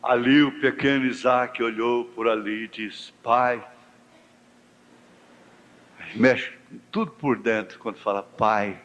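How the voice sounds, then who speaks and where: A male pastor preaching a sermon, swinging between soft low talk and high fervent cries, with a Brazilian Portuguese accent, recorded in a church. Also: fairly even intonation, normal speed, muffled recording. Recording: echoey church hall recording.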